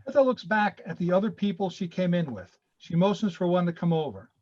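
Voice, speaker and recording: A man reading screenplay stage directions over a video call in a steady, matter-of-fact way. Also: high-pitched, brisk, highs cut off.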